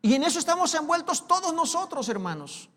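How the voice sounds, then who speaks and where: High-voiced preacher in echoing hall. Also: male voice, big pitch swings, fairly bright tone. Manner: preaching with slow rhetorical questions. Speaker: pastor. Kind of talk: sermon. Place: church sanctuary. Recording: long hall reverb, live church recording.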